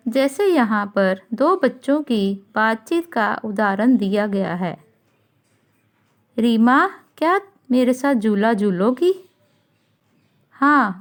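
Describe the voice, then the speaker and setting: A woman teacher giving an online grammar lesson to children, explaining slowly and deliberately. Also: on the high side. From India. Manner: slow, deliberate classroom explanation. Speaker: school teacher.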